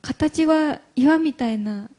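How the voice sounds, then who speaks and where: A young woman from Hyogo, a guest actress speaking softly and hesitantly in a live stage interview. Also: sits high. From Hyogo, Japan. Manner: soft-spoken, hesitant, halting. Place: event hall stage.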